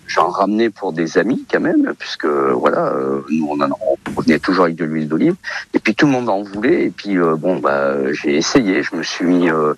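Deep-voiced hesitant man in his fifties. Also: husky, dull audio. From Portugal. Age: 50s. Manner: hesitant, many fillers. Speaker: olive oil seller guest. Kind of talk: radio interview.

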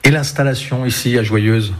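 A man's voice: medium pitch, fairly even intonation, moderate pace. A man asking short, informal interview questions.

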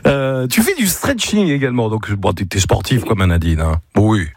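A man's voice: fairly low pitch, lively intonation, moderate pace, darkish tone. A man with an English accent co-hosting a radio quiz show with teasing, jokey banter. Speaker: radio game show co-host.

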